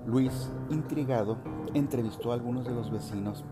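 A middle-aged Mexican man with a Mexican Spanish accent, hosting a podcast and telling a story in a measured, formal way with occasional hesitations. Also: mid-range voice. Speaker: podcast host. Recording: loud music under the voice.

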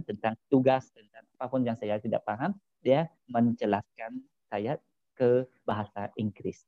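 A man with a Cambodian accent and Khmer as his first language, speaking Indonesian as a foreigner in halting, simple phrases with repeated words in a casual interview. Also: mid-range voice, dark tone, no echo, lo-fi sound. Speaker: interview guest, former foreign student.

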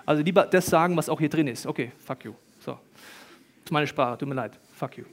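A middle-aged male pastor preaching a sermon, swinging between hushed, intimate tones and loud, excited bursts. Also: on the high side, quick pace, a little hiss or hum.

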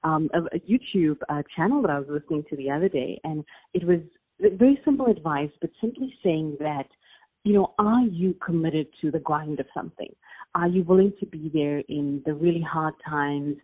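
Interviewed over a tinny phone line, a woman from South Africa who founded a business replies earnestly and reflectively, with fillers and restarts. She has a South African accent and a low, slightly rough voice at a moderate pace.

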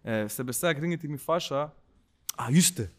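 A man telling a personal story in a casual podcast chat, slangy and animated, often checking that the listener follows. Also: on the high side. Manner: slangy, animated, keeps asking if you follow. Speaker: podcast guest.

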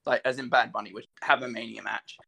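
A man co-hosting a casual podcast chat, excitable and animated, laughing often. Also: mid-range voice, fast talker, gravelly. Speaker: podcast co-host.

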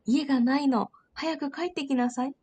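A woman's voice: high-pitched, steady tone, normal speed, dark tone, close to an everyday voice. A woman reader voicing a loving, doting mother who coaxes her young son to come home, in a fond, motherly tone. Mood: scolding fondly. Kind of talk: storybook reading.

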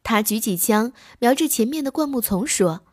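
A woman narrating a children's bedtime story in a gentle, lively way on a close mic. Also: a little high, moderate pace, no room sound.

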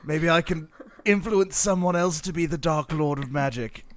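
A man voicing a bored, snobbish dark wizard's ghost in a dry, mock-polite way during a tabletop game. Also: on the high side, moderate pace, a little hiss or hum, close to an everyday voice. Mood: bored, wry. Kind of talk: player improvising in a tabletop game.

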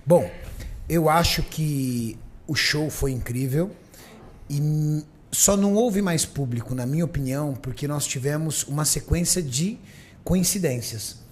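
Man, podcast host, slightly high pitch, steady questions. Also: a little slow, slight background noise. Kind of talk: podcast hosting.

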